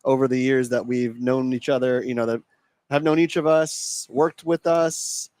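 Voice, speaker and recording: A man's voice: mid-range voice, fairly even intonation, moderate pace, darkish tone, no echo. Rambling man with many restarts. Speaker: restaurant group owner. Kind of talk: casual interview.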